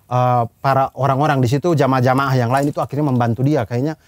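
A man's voice: mid-range voice, steady tone, quick pace, dry recording. An Indonesian man in casual podcast chat, telling a firsthand story earnestly and acting out a scream he heard.

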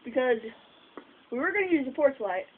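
A woman's voice: high-pitched, very animated, brisk, a little hiss or hum. Rambling young woman on tinny phone audio. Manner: rambling, filler-heavy, swearing. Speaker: vlogger. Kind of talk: casual vlog chat. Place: outdoors at night by a house porch. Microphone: phone camera set far away.

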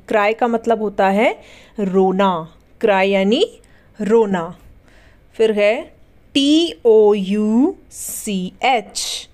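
A woman's voice: on the high side, darkish tone. A woman with an Indian accent teaching English words, spelling each one, asking what it is read as and answering herself. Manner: spells each word letter by letter, then asks and answers it. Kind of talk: slow vocabulary lesson.

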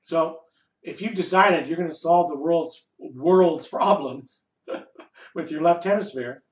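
A man with a fairly high voice speaks as a spiritual teacher to a group in an echoey room. He is wry and emphatic, breaking his thoughts into short phrases with deliberate pauses. The voice sits a little way from the microphone. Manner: wry and playful, asks and answers rhetorical questions. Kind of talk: informal spiritual discourse to a group. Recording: echoey room, voice distant from mic.

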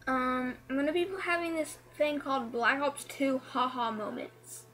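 High-pitched woman talking with braces. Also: normal speed, fairly bright tone. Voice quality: slurred speech from wearing braces. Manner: rambling, hesitant. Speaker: gaming video creator. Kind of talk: casual gameplay commentary.

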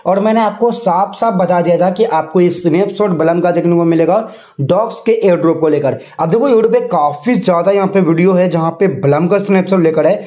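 A man's voice: sits high, a little fast, mellow. A man giving a casual, chatty screen-walkthrough explainer, talking straight to his viewers in an insistent tone and mixing in English words. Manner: chatty, repeats filler phrases, mixes in English words; insistent, direct address to viewers. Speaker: crypto YouTuber.

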